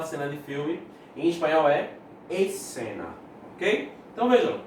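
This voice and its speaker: A man's voice: fairly high pitch, distant mic. Man, Spanish teacher, recorded lesson, checks in often, echoey room, faint noise. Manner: explains words step by step, checks in with "beleza?" and "se liga".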